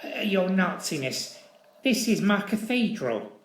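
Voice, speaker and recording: A squeaky, flustered little cult leader, pompous and whiny, stammering as he protests, put on by a man. The pitch sits well above a normal speaking voice. The recording has a roomy echo. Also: very animated, measured pace, a little hiss or hum.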